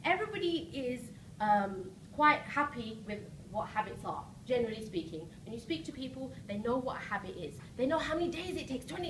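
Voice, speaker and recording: A woman giving a rousing, emphatic motivational seminar talk as a coach, often checking in with short questions. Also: fairly high pitch. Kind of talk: motivational seminar speech to a live audience. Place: live seminar room with audience. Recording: roomy echo, distant mic, noisy background.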